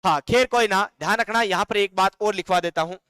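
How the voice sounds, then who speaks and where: A man with a Rajasthani accent teaching an online live class, dictating notes slowly, singing folk song lines and answering chat comments. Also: sits high, bright, forceful tone, smooth, dry recording, studio quality.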